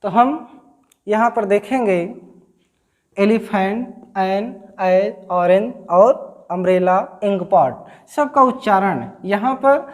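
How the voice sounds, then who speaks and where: A middle-aged woman teaching grammar to schoolchildren. She speaks at an unhurried pace in a mid-range voice. She keeps asking her class questions and answering them herself, repeating each word. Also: medium pitch.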